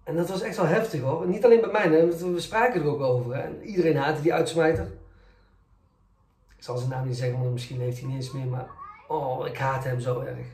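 A man's voice: fairly high pitch, fairly even intonation, fairly quick, a little mellow. A man, a journalist, candidly recounting his own experiences in a storytelling vlog, acting out both sides of the arguments. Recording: roomy echo, faint music.

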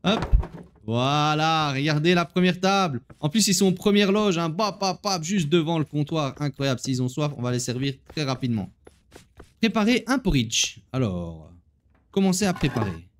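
Brief: playful gaming host, a man with a fairly high voice, talking straight to viewers as he plays. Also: big pitch swings, normal speed. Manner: chatty, talks straight to viewers while playing; playful, laughs at himself. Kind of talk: casual gameplay commentary.

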